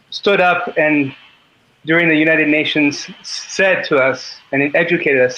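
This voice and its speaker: A Chilean man in his fifties, a native Spanish speaker, speaking as a guest on a group call in a halting way and often clearing his throat. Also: fairly high pitch, pushed and bright, a little hiss or hum. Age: 50s. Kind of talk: earnest talk on a call. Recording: dull lo-fi call audio.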